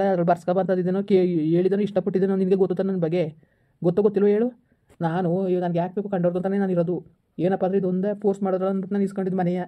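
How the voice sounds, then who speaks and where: A man in a scripted family drama, angrily and insistently scolding his wife over a phone call. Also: high voice. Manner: angry, insistent, repetitive scolding. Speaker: husband in a family skit.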